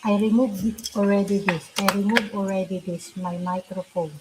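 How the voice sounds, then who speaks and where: A woman chatting casually in halting, non-fluent English, often repeating herself. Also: medium pitch, little pitch movement. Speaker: live stream host. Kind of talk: casual chat. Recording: faint background noise.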